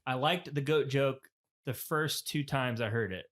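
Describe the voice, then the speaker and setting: A man in his thirties, a podcast co-host, telling a lively story in casual chat, acting out the lines he quotes and swearing freely. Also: mid-range voice, unhurried.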